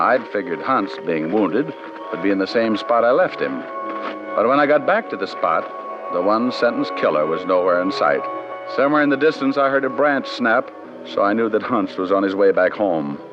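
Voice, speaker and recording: In the style of 1940s-50s radio detective drama, an American man plays a wisecracking, hard-boiled private eye narrating his case with wry, flippant deadpan. His voice is lowish and his speed normal. The recording sounds dull and vintage, with music.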